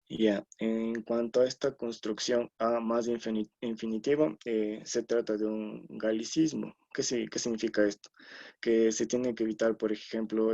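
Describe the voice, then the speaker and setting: A man's voice: fairly low pitch, gravelly, darkish tone, no room sound, lo-fi sound. A man from Ecuador giving an explanatory lecture on scientific writing, often checking in with tag questions and fillers.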